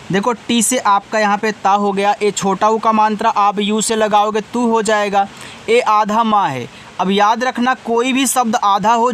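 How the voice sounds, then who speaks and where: A man's voice: sits high, fairly bright tone. A man teaching students in an online lesson, explaining patiently step by step and speaking straight to them. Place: indoors with wind outside.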